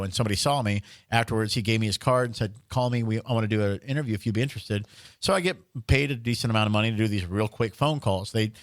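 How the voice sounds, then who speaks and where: Podcast co-host, male, storyteller type with a goofy radio-DJ impression on tap; dead-dry mic. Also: dry recording. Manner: chatty storyteller, slips into a booming radio-DJ voice. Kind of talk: casual comedic chat.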